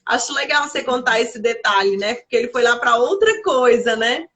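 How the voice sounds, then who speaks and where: A woman's voice: on the high side, expressive, moderate pace, fairly bright tone. A woman hosting an interview, prompting her guest with encouraging follow-ups. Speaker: host. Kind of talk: interview conversation.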